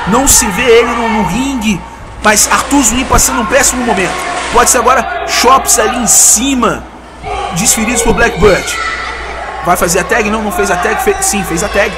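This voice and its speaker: A Brazilian man doing excited play-by-play commentary as a wrestling commentator. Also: high-pitched. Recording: loud music and crowd behind voice. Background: loud music and crowd noise.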